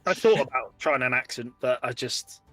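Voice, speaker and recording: A man's voice: mid-range voice, normal speed, sharp tone, dry recording, soft background music. A man hosting a podcast in casual chat, rambling with many fillers like "like" and "you know".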